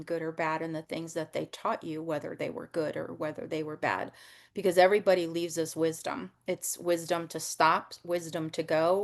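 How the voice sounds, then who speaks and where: Woman, host, slightly low voice, encouraging, casual interview. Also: gravelly. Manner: warm, encouraging, rambling with restarts. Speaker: podcast host.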